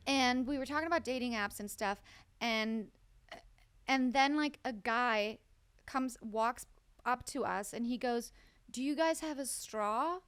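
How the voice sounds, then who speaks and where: High-voiced animated woman telling a story. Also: unhurried, clear, resonant tone. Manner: animated, acts out quotes in an exaggerated voice. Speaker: podcast co-host. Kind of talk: comedic storytelling chat.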